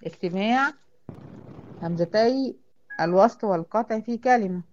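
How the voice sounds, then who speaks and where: A woman with an Egyptian accent teaching Quran recitation, explaining step by step, asking questions and answering them herself, slowing right down to sound out words. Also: medium pitch, darkish tone. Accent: Egyptian Arabic. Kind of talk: online tajweed lesson. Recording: dull lo-fi audio.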